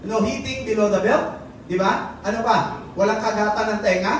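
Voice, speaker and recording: A preacher from the Philippines gives a sermon, switching between Tagalog and English and quizzing the congregation. His voice is medium-pitched at a moderate pace, picked up by a distant mic in a very echoey church hall with faint noise.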